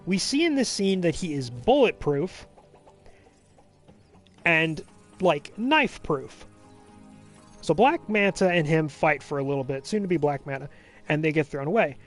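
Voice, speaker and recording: A man hosting a let's play, chatting casually and recapping a film in a rambling, animated way full of fillers. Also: fairly high pitch, unhurried, pauses often, soft background music.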